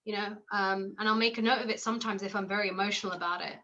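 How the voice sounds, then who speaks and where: A woman being interviewed, speaking reflectively and haltingly with many fillers and restarts. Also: medium pitch, fairly even intonation, bright, forceful tone. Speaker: interview guest. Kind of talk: personal conversational interview. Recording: slightly dull lo-fi audio.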